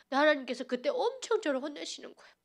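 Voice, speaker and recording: A woman from North Korea giving an animated, dramatic church testimony and acting out past scenes as she talks. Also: sits high, very fast. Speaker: testimony speaker at a church service.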